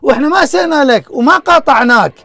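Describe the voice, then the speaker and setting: Guy hosting a debate, talks fast, keeps pleading for a moment to speak, dry close sound. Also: very high-pitched, expressive, sharp tone, no room sound. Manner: pleading, insistent, repeats himself. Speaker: debate show host. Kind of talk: moderating a heated call-in debate.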